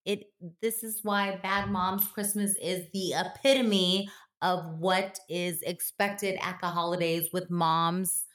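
Hoarse middle-aged woman co-hosting. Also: on the low side, flat delivery, slow pace, fairly bright tone. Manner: laughs often, exclaims "oh my God". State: partly lost, hoarse voice. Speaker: podcast co-host, mother. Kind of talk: casual chat.

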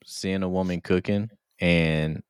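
A man's voice: low-pitched, fairly even intonation, slow, clean tone, no echo, studio quality. A man hosting a podcast in casual chat, laid-back and calling people "bro". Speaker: podcast host.

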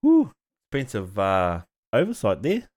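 Low-voiced Kiwi man hosting a casual chat. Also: huge pitch swings, a little slow, darkish tone. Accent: New Zealand. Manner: laid-back, slangy, sweary banter. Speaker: podcast host.

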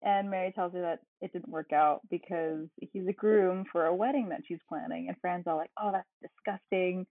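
A woman's voice: fairly low pitch, fairly even intonation, brisk, hardly any pauses, no echo. A woman co-hosting a podcast, casually recapping a movie plot with dry asides. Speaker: podcast co-host. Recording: tinny phone-like line.

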